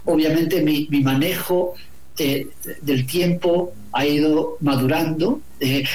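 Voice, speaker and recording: This interviewed author, a middle-aged Guatemalan man, has a fairly high, darkish voice that stays steady and slow. The conversation is reflective, he repeats words while searching for phrasing, and the recording carries a roomy echo.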